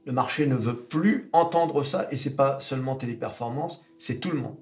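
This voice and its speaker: A man's voice: mid-range voice, normal speed, a little mellow, echoey room, soft background music. A man hosting off-the-cuff financial commentary, emphatic and insistent, repeating key phrases. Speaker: host commenting on financial news clips.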